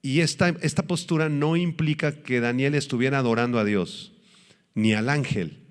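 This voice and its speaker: A pastor delivering a sermon, teaching in an animated way and slowing down to stress his points. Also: medium pitch, clear, resonant tone, big-room sound. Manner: animated preaching, acts out quoted voices, slows for emphasis.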